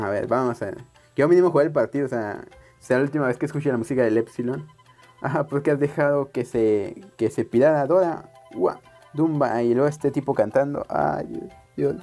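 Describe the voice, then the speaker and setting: A young man narrates a video game in a loose, rambling way, talking straight to his viewers. He mocks himself as he plays. His voice sits at an ordinary middle pitch, and soft music plays behind it. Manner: rambling, self-mocking, chats to viewers. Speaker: let's play gamer. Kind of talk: casual gameplay commentary.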